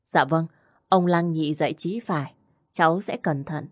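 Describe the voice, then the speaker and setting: A woman's voice: deep voice, moderate pace, no echo, studio quality, natural voice. A woman voicing a timid young pregnant wife who answers hesitantly and politely. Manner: hesitant, deferential.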